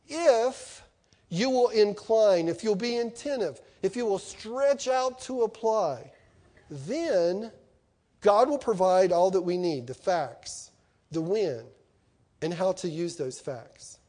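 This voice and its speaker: A middle-aged man preaching an animated sermon to students, swinging from loud to soft and acting out quoted voices. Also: high-pitched.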